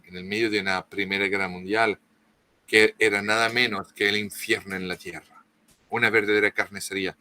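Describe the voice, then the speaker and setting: A middle-aged Frenchman with a lowish voice, a sharp tone and a French accent lectures at length as a guest author in an interview. His delivery is halting, full of restarts and fillers.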